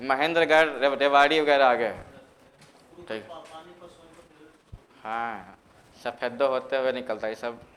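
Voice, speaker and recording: A man's voice: mid-range voice, a bit bright. A man teaching a geography class. He quizzes students and answers his own questions, dictates notes by repeating terms, and mixes in English phrases. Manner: asks students questions and answers them himself. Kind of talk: coaching class lecture.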